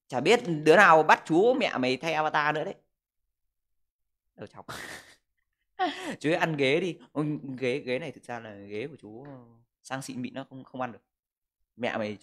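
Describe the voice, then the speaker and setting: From a room in his home, a man in his 20s hosts a casual livestream, reading comments aloud into a desk mic and throwing in crude jokes. His voice sits in the mid range with a slightly bright quality.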